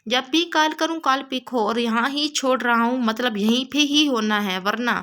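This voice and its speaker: A woman's voice: on the high side, pushed and bright. A woman voicing a serious, guarded young man in a romance novel reading, giving dry, firm instructions.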